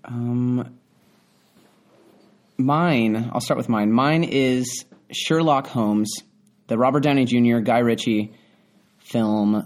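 A young man co-hosting a podcast, easygoing and quick to laugh, with a few stammers. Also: mid-range voice, a little mellow. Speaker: podcast co-host. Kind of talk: casual chat.

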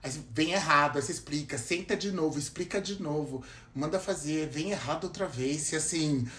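High-pitched Brazilian man, animated venting. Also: brisk. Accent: Brazilian Portuguese. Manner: animated, laughing, vents with acted-out quotes. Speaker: podcast guest. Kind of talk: casual podcast chat. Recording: roomy echo.

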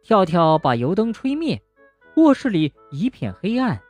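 A woman narrating a children's bedtime story gently and expressively, speaking to a young listener. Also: medium pitch, big pitch swings, unhurried, no echo, faint music behind.

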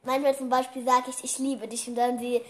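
A woman's voice: high-pitched, flat delivery, a little fast. A girl of about nine chatting on a podcast with her older sister, playful and teasing. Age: child, about 9. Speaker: co-host. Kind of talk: casual kids' podcast chat.

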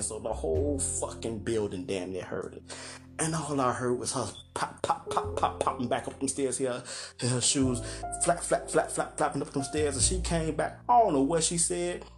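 A middle-aged man, hosting a podcast and telling a story in a loose, profane, animated way, acting out quotes and laughing. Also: medium pitch. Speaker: podcast host. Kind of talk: casual storytelling monologue.

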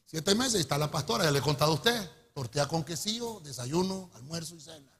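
A middle-aged man with a Honduran accent preaching a testimony sermon, telling his story in an animated way and calling his listeners brother. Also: on the high side, quick pace. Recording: echoey hall with long reverb.

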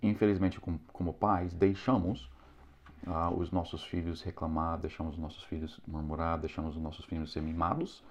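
A man teaching parents in an earnest, moralizing way, pausing often with hesitant fillers. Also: low-pitched, little pitch movement, darkish tone. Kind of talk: preachy instructional talk. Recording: slightly dull lo-fi sound.

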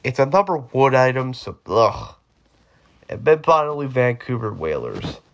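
A man's voice: mid-range voice, big pitch swings, measured pace, creaky, slight background noise. A man in his twenties hosting a solo podcast, rambling offhand with jokey asides. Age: 20s. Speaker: podcast host.

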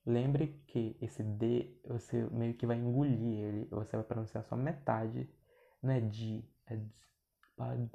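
A man from Brazil with a Brazilian accent talks through an informal podcast lesson, chatty and loose with his sentences. His voice is gravelly and dark in tone, sitting at a middle pitch. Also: fairly even intonation, measured pace, dull audio. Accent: Brazilian Portuguese. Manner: chatty and informal, with frequent restarts. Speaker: podcast host and English teacher.

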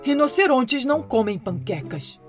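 A woman voicing an impatient father who hushes his daughter in a storybook reading. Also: high voice, sing-song, moderate pace, faint music behind. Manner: gruff, hushing.

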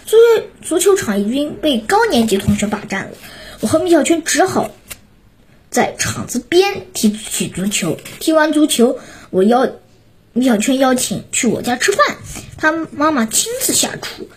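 A woman reading a children's story aloud in an animated way, often stumbling and restarting. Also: high voice, normal speed, breathy edge.

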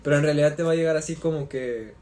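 A man's voice: a little high, very fast, a little mellow. A young man with a northern Mexican accent, bantering casually as a podcast co-host in a teasing, profane way.

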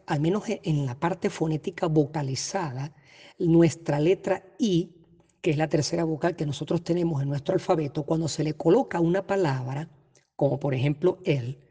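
A Bible teacher giving an explanatory lesson at a measured pace, often hesitating and correcting themselves. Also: mid-range voice, warm tone, slightly rough. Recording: long reverb.

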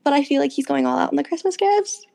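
A woman's voice: sits high, quick pace, gravelly, mellow. A young woman co-hosting a casual chat, telling anecdotes by acting out who said what, with plenty of "like". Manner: anecdotal, acts out quoted exchanges, frequent "like". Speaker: podcast co-host.

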